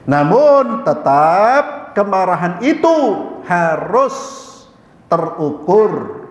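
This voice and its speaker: A man preaching a mosque sermon, asking and answering his own questions and addressing his listeners as "Pak". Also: high-pitched. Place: mosque hall. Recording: echoey mosque hall with long reverb.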